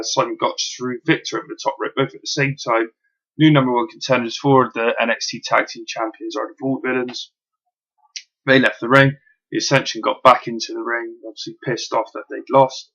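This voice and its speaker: A man's voice: mid-range voice, bright, forceful tone, lo-fi sound. A man casually reviewing wrestling, rambling with lots of ums and the odd swear word.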